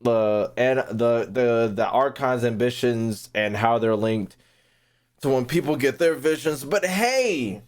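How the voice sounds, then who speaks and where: A young man gives casual live-stream commentary on a game, brash, slangy and profane, often repeating himself. His voice is medium-pitched and slow.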